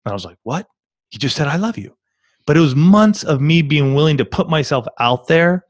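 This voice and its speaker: A man's voice: fairly high pitch, lively intonation, a little fast, dry recording, highs cut off. A man co-hosting a live online marriage coaching session, telling a personal story earnestly and often repeating his words.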